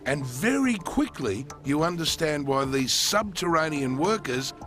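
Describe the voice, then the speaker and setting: A man's voice: a little high, big pitch swings, a little slow. An Australian man presenting a travel segment, mixing scripted narration with breezy, conversational questions. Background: music.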